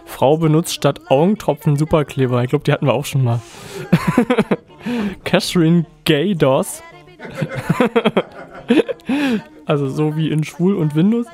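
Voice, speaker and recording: A man co-hosting a radio show reads strange news stories in a somewhat high voice, breaking off to make fun of them. Soft music plays quietly beneath his voice. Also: quick pace, hardly any pauses. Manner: reads news items then mocks them, laughing often. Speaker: radio show co-host reading odd news. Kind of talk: casual joking news reading.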